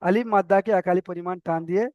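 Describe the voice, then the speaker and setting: A male teacher, giving a step-by-step recitation lesson, spelling out letters slowly and repeating syllables. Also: high voice, steady tone, clean tone, dry recording, lo-fi sound. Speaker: Quran reading teacher.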